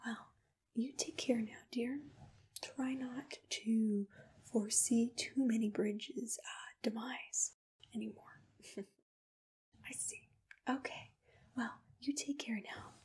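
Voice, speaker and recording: A woman whose voice is a little high and holds a steady tone plays an attentive agency assistant for ASMR, keeping close to the mic. Breathy and mostly whispered, she is gentle and personal, never rushing, like a soft-spoken customer-service agent.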